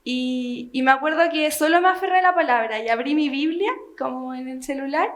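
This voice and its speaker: A young woman recounts a personal testimony to her church group, earnest and halting, often reaching for words. Her voice sits high. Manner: earnest storytelling with many fillers. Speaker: church member giving testimony.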